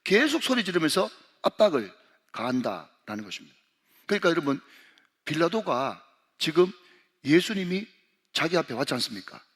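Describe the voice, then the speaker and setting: A man's voice: on the high side, big pitch swings, normal speed, pauses often, fairly bright tone, husky. A man who is a senior pastor preaching a sermon, talking straight to the congregation and calling them to read along. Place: church sanctuary. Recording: long hall reverb.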